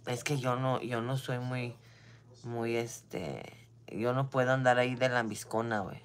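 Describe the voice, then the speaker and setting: A woman's voice: a bass voice, unhurried. A woman with a Mexican accent venting in a casual monologue, blunt and full of slang and swearing, now and then dropping English phrases. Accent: Mexican Spanish.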